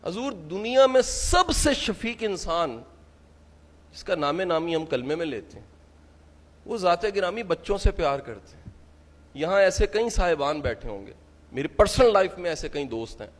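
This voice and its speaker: A man's voice: sits high, lively intonation. A man gives an impassioned religious lecture to a seated audience, asking many rhetorical questions. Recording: long hall reverb.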